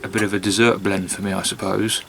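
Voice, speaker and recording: A man chatting casually on his own in a hesitant, musing way, with long pauses and trailing phrases. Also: low voice, little pitch movement, gravelly, fairly bright tone, a little hiss or hum. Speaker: pipe-smoking vlogger. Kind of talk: casual monologue to camera.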